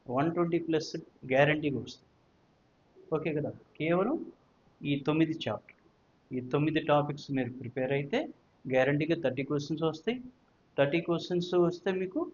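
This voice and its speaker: A man's voice: a little high, slight background noise. A male physics teacher with a Telugu accent talks students through exam prep, mixing Telugu and English and repeating points with check questions. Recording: dull, lo-fi audio.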